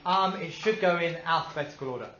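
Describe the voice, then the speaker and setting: An upbeat male teacher running a classroom lesson, quizzing the class and praising their answers. His voice sits a little high for a man. It is recorded in an echoey room, with a dull, slightly muffled sound and faint noise behind. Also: fast, a bit bright.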